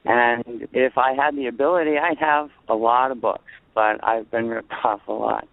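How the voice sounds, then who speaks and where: A man's voice: mid-range voice, fairly even intonation, normal speed, creaky, no room sound. Blunt, defiant man on a tinny phone line. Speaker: caller. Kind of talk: call-in radio talk. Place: outdoors in a parking lot.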